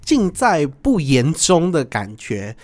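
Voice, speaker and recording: A young man speaks with a Taiwanese Mandarin accent and a slightly high voice as he hosts a casual podcast. He tells his story animatedly, laughs a lot and acts out the voices in it. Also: wildly swooping pitch, slow pace, a little mellow. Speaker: podcast host.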